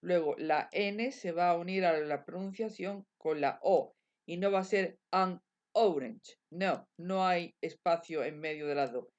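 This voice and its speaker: A woman teaches English grammar, moving between two languages. She speaks very slowly in a somewhat low voice. She says each example again and again. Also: a little mellow. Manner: slow, repetitive drilling of examples. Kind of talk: bilingual grammar lesson.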